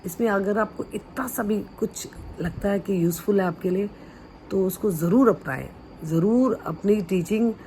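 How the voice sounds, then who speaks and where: A woman's voice: medium pitch, moderate pace, mellow, slight background noise, low-quality recording. A woman who teaches dance at a school tells teaching stories and gives earnest, encouraging advice to fellow teachers, mixing English phrases into her talk. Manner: mixes Hindi with English phrases.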